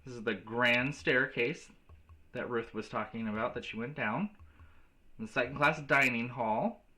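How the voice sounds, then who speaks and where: A man reading a children's storybook aloud as a teacher, in a clear storytelling delivery. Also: mid-range voice, unhurried, pushed and bright.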